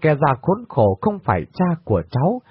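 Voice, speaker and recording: Guy doing a miserable old prisoner, pained confession, husky, lo-fi phone sound. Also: on the high side, sing-song, normal speed, no room sound. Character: old wretched male prisoner. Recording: dry, tinny phone-like sound.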